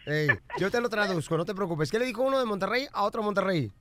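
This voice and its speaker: A man's voice: high voice, lively intonation, fast talker, a bit bright, no echo. A man hosting a radio joke segment, playful and laughing, acting out characters in his jokes. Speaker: radio show host.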